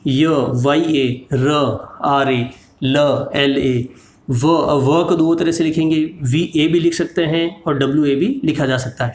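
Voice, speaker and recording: Slow, patient male teacher, echoey. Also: a little high. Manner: patient, spells letters out one by one. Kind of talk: slow explanatory lesson.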